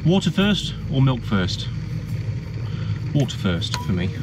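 He speaks slowly, his medium-pitched voice making big swings, as background noise and music fill the track. This English man in his thirties is a van life vlogger chatting cheerfully, cheekily, and upbeat to an action camera mounted in his parked camper van.

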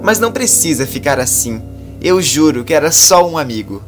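A man voicing a young woman who teases her boyfriend and then panics, in a raised, lively voice. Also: a little high, normal speed, faint music behind, voice pushed up. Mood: teasing.

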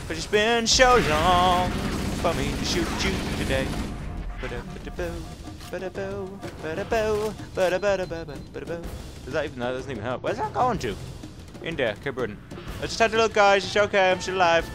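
A man's voice: high-pitched, big pitch swings, fairly quick. A young man commentating his own video game playthrough, chattering and repeating words in bursts. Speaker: gaming channel host. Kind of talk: excitable let's-play commentary. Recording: game music underneath.

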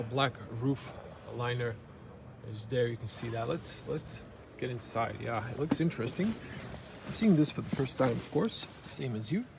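A man's voice: mid-range voice, vocal fry. A man in his thirties giving a casual car review, pointing out details one by one as he walks around and sits inside, filmed on a handheld camera at an indoor auto show. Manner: running commentary, pointing out details as he goes. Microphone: handheld camera mic. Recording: noisy auto show hall. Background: show hall ambience.

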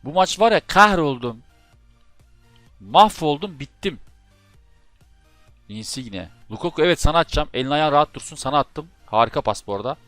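A man's voice: on the high side, expressive, moderate pace, long pauses, no echo. A man narrates his own football video game match as he plays, his voice leaping from muttered complaints to exasperated outbursts. He speaks in casual, heated commentary into a close mic with a dry sound. Faint game music plays beneath him. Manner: exasperated, shouts at players and keyboard. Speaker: gaming YouTuber. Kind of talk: live gameplay commentary.

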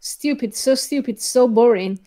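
Exasperated woman, deadpan complaints. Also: fairly high pitch, measured pace. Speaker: movie review co-host. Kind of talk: casual chat.

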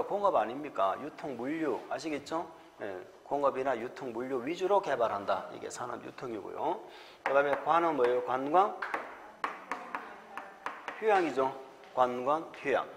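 A man's voice: mid-range voice, big-room sound, background noise. A man with a Gyeongsang accent giving an exam-prep lecture, drilling mnemonics and chuckling often.

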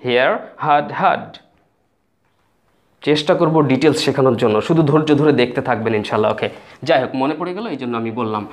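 A man's voice: mid-range voice, fast, darkish tone. A man teaching English phrases in a casual video lesson, repeating and spelling out words for viewers while writing on a board. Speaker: English tutor.

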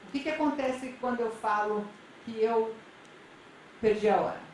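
A woman's voice: a little high, normal speed, a little mellow, distant mic, a little hiss or hum. Woman lecturing in an echoey hall. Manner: conversational, keeps checking in with the audience. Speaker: lecturer at a public-sector conference. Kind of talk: interactive conference talk. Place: large convention center auditorium.

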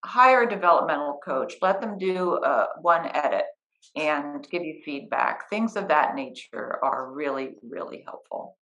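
On a couch in the living room, next to a guest, a middle-aged writing coach and editor conversationally walks through her work step by step, patient and practical. She speaks in a low, animated, slightly bright voice without hurrying, and the recording is muffled.

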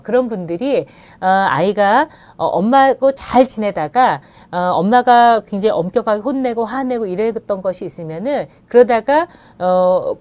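A woman with a lively, swooping voice explains how to handle a child's behaviour. She speaks as a play therapist on a live parenting Q&A, pausing on small fillers. She turns to the listener with questions as she goes. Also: medium pitch. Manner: explanatory, poses questions to the listener and acts out sample lines; frequent "uh" fillers between phrases.

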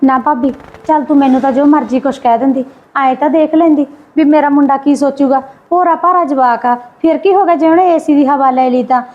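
A woman's voice: high voice, steady tone, brisk, muffled recording, close to an everyday voice. A woman playing a patient mother who pleads and placates while defending her son. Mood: pleading. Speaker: visiting daughter and mother.

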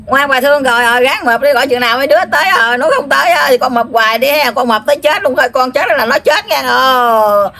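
A woman with a Southern Vietnamese accent, speaking in trance as a grandmother spirit in a scolding, rambling, repetitive way full of drawn-out fillers. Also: high-pitched, bright, forceful tone. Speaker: spirit medium.

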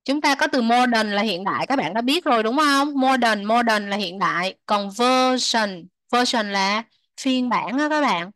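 A woman teaching English to children, repeating words slowly, translating them and chatting with soft sentence endings. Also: on the high side, expressive, no room sound. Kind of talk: explaining a textbook lesson to children.

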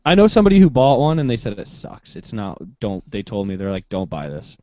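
A man's voice: on the low side, wildly swooping pitch, a little fast, dark tone, no echo. A man hosting a casual podcast, talking loosely with jokes and swearing. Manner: loose, profane, jokey. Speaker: host. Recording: dry, dull lo-fi sound.

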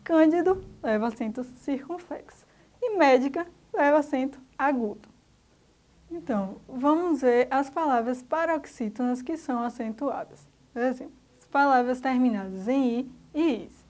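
A woman's voice: high-pitched, moderate pace, a little mellow. A woman teacher with a Brazilian Portuguese accent, patiently explaining a grammar lesson to children step by step. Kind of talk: recorded remote school lesson.

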